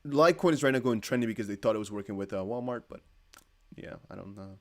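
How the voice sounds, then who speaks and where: This man's voice sits on the low side and moves quickly. A young native Dutch speaker running a crypto livestream, he rambles chattily, self-corrects, and reads viewers' comments out loud.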